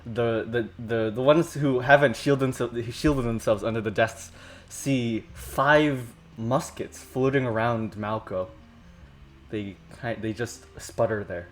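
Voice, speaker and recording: A man as game master, improvising narration for a tabletop game in a halting way, often repeating words. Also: medium pitch.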